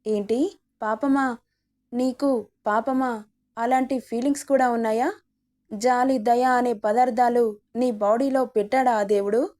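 A woman voicing a proud young heroine in an audio story, sharp and scornful. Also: a little high, fairly even intonation, moderate pace, lightly acted.

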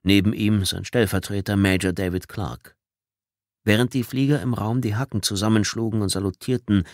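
A man reading a novel aloud as an audiobook, with measured, dramatic storytelling. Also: deep voice, no echo, clean studio sound. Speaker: audiobook reader. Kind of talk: scripted audiobook narration. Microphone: studio microphone.

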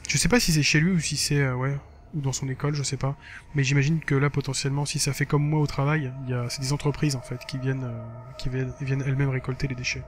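A man's voice: medium pitch, a little hiss or hum. A man giving casual commentary for a gaming video, rambling and correcting himself as he talks, with an occasional swear. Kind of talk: casual commentary while reading a blog aloud.

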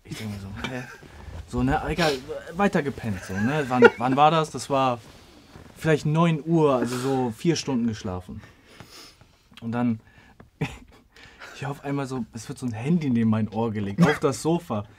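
A man's voice: medium pitch, moderate pace. A man in a podcast studio, retelling a story in casual, slangy chat and laughing as he talks. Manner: animated retelling, slangy, laughing while talking. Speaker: podcast guest. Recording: noticeable background noise with clicks.

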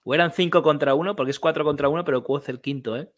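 A man, co-hosting a relaxed livestream, playful and quick to laugh as he reads out suggestions. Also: a little high, no echo. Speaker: podcast co-host. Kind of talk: casual chat on a livestream.

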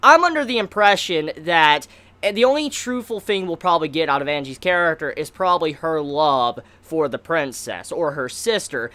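An American anime reviewer in his twenties talks to the camera from a small indoor room lined with bookshelves, giving a casual, rambling review full of emphatic stresses. His voice is a little high, sharp and clean.

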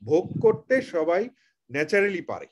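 A man's voice: fairly high pitch, sing-song, normal speed. Earnest man explaining on a video call. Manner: earnest, explaining with rhetorical questions. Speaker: teacher trainer. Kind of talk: online training session.

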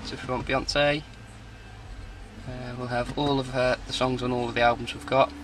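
With background noise around him, a man presents a car audio demo as an installer, moving in and around a parked car. His informal, off-the-cuff walkthrough is delivered in a level, medium-pitched voice at a moderate pace.

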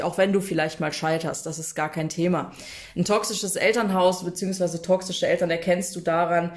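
A woman coaching viewers in a casual, direct-to-camera advice talk, chatty and emphatic, often tagging her sentences with a questioning "ne?". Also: on the low side. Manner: addresses viewers directly and informally. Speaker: coach for people affected by narcissistic abuse.

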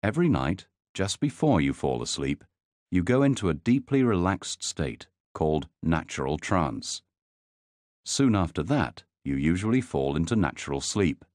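Deep-voiced man guiding sleep hypnosis. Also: a little mellow, no echo, clean studio sound. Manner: slow, soothing, measured delivery.

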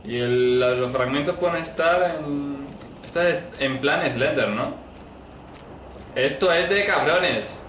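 A man from commenting casually on a horror game, excitable, swearing and yelling at it. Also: a little high, slow, roomy sound, distant mic, a little hiss or hum. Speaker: gameplay commentator.

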